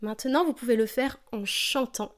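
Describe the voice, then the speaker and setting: A woman teaching a singing lesson, explaining vocal technique calmly and demonstrating exercises. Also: on the high side, moderate pace.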